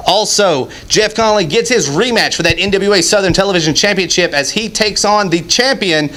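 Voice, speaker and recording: Male TV wrestling host, high voice, upbeat and promotional, chatty between introductions. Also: a little fast, bright, forceful tone. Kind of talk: scripted show opening with casual banter.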